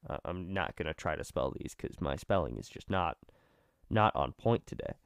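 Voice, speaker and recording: A man with vocal fry, just over being sick, giving a casual, rambling explanation and often correcting himself. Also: sits low, expressive, normal speed, dry recording, clean studio sound. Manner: rambling, self-correcting, self-deprecating. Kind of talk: casual, informal explanation at a drawn diagram.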